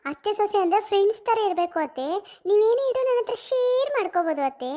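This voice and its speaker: A woman's voice: very high voice, animated, quick pace, dark tone. A woman voicing a cheeky young daughter-in-law in a cartoon comedy, speaking in a teasing, mock-sweet way. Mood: coaxing.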